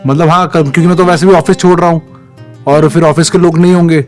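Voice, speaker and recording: A man's voice: a little high, steady tone, fast talker, soft background music. A young man telling a story to friends, acting out the lines of the people in it. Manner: acts out dialogue in shifting voices. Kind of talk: animated storytelling among friends.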